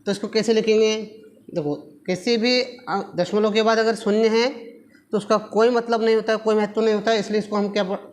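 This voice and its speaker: A man whose voice sits high and barely moves in pitch teaches a maths lesson at the board fairly quickly. Calling his pupils children with affection, he patiently poses rhetorical questions and supplies the answers himself.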